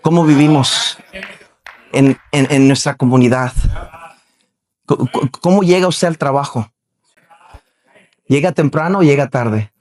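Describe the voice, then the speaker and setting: A man's voice: mid-range voice, unhurried, long pauses, a little mellow. A male pastor preaching a Baptist sermon in a conversational way, asking the congregation question after question and acting out quoted voices. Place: church sanctuary.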